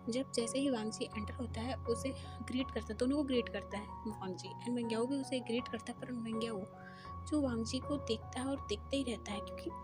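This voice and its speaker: A woman narrating a romance story in a steady, plain way, her voice sitting fairly high. Clear background music plays under her reading. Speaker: fan fiction storyteller.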